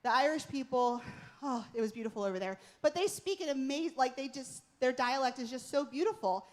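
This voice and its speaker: A woman's voice: sits high, expressive, a little fast. A woman giving a conversational sermon from a church stage, telling personal stories and often checking in with "right?". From Pennsylvania. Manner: earnest storytelling, tag questions. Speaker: worship leader, guest speaker. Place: church stage before a congregation.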